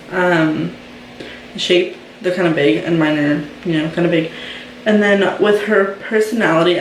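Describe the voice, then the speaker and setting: Casual chatter comes from a young woman who sounds like a mom vlogger, her lowish voice full of "um" and "like." Expect a faint hum or hiss and a spacious, distant room sound.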